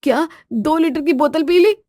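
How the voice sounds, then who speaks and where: A woman's voice: high voice, moderate pace, darkish tone, dry recording, studio quality, pitched above the performer's own voice, natural voice. A woman voicing a weary, henpecked young husband in a storybook tale, grumbling and pleading.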